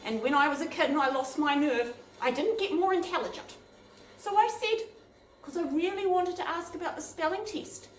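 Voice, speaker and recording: Telling a personal anecdote at a normal pace, this vlogger has a high voice and a lively, self-mocking, gently amused manner. The recording is distant and off-mic, with a roomy echo and a little background noise.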